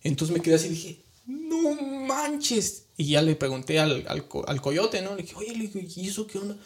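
A man with a Mexican accent recounts his life in an interview. His voice sits on the higher side, and his talk is earnest and colloquial, full of tag questions and restarts. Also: fast. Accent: Mexican Spanish. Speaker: guest. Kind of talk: emotional personal storytelling.

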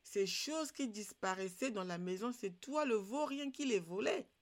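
A woman's voice: mid-range voice, animated, moderate pace, voice pushed up, natural voice. A woman voicing a crafty male wild cat in a folktale, speaking in a commanding, scolding way. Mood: angry.

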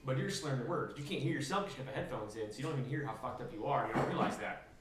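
A man's voice: medium pitch, lively intonation, very fast, roomy sound, recorded from a distance, a loud crowd. A man talking candidly and casually on a podcast, swearing freely. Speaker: podcast co-host. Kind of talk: casual chat.

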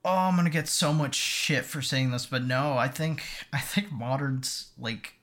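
A podcast co-host chatting casually, reading out results in a relaxed way. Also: medium pitch, a little slow. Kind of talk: casual chat.

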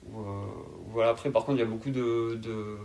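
A man in his twenties with a southern French accent, answering interview questions in a calm, laid-back and hesitant way. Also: fairly low pitch, a little fast. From south of France. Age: 20s. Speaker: interview guest.

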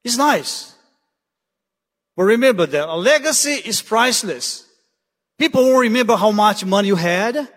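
High-voiced guest preacher, hall reverb. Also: male voice, animated, moderate pace, long pauses, fairly bright tone. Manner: urgent, repeats "listen" to drive points home. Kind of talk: sermon. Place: church sanctuary. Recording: long church hall reverb.

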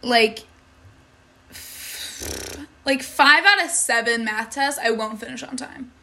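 A woman's voice: fairly high pitch, slow pace, bright, forceful tone, slight background noise. A teenage girl venting about school in a casual vlog, exasperated, swearing and saying "like" constantly. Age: teens. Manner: exasperated, swears a lot, many likes. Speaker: high school student.

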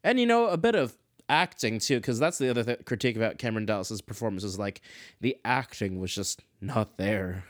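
A podcast host with a lowish, expressive voice talks briskly on his casual solo commentary show, recorded in studio quality with no room sound. He's chatty and self-deprecating and keeps drifting into tangents.

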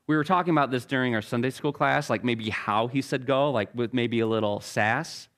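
This middle-aged male pastor preaches with a medium-pitched, fairly bright voice at a slightly fast clip. His sermon is casual and conversational, full of self-deprecating jokes, and he often repeats words as he restarts phrases.

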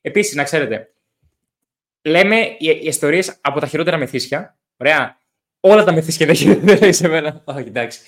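Young man, podcast host, casual chat, animated, swears, fairly high voice. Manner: animated, swears, acts out drunk stories.

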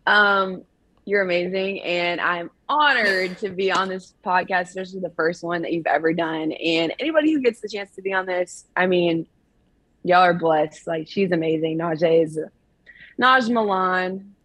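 Podcast guest, woman, husky, fairly low voice, playful and blunt. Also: moderate pace, a bit bright, no room sound, poor audio. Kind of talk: casual podcast chat.

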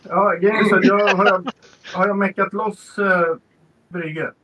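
A man's voice: fairly even intonation, a crowd in the background. A man playing a tabletop game, casually describing what his character does. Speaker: player. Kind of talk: tabletop role-play chat. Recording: dull lo-fi sound with faint rumble.

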